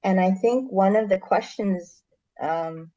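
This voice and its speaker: A Canadian woman who is a missionary answers interview questions in a measured, thoughtful way, pausing often. Her voice is medium-pitched and warm, captured in a dull lo-fi recording.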